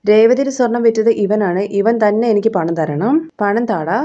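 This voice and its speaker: A woman's voice: medium pitch, normal speed, lo-fi sound, lightly acted. Woman reading as an angry young husband. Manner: demanding, forceful.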